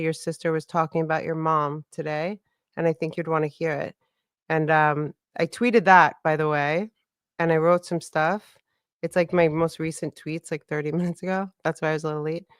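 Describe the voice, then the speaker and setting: A young woman from the Washington DC area, a guest on a podcast, chatting casually and animatedly with quick asides. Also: deep voice, steady tone, smooth, dry recording, studio quality.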